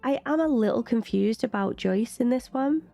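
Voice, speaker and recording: A woman's voice: on the high side, expressive, moderate pace, creaky, dark tone, no room sound, faint music behind. A British woman hosting a reaction video, chatty and opinionated, often filling her talk with "like". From Britain. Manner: chatty and opinionated, with frequent "like" fillers. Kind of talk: casual reaction commentary.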